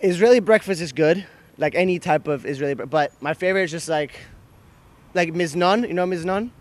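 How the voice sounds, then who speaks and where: A man's voice: a little high, brisk. A man from Argentina, a soccer player, teasing and laughing in a casual outdoor interview. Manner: playful, teasing, laughs a lot. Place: outdoors by a river.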